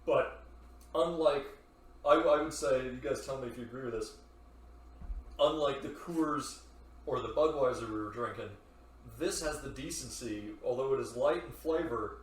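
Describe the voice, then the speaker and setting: A man's voice: mid-range voice, moderate pace, slight background noise. A man hosting a casual beer review podcast, laid-back and rambling, swearing now and then. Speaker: podcast host. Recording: roomy echo, mic at a distance, faint ambience.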